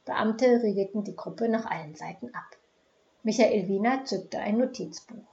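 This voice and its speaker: A woman reading a crime novel aloud in a measured, dramatic way. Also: medium pitch, mellow. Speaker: audiobook narrator. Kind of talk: scripted crime novel narration. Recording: dull lo-fi recording.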